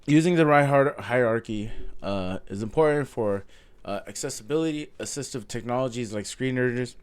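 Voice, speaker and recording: A coding vlogger who taught himself works through a course out loud in a medium-pitched voice that is darkish, clear, and resonant. His nose is stuffy from a cold, and his casual follow-along reading is peppered with ums and self-corrections as he thinks aloud.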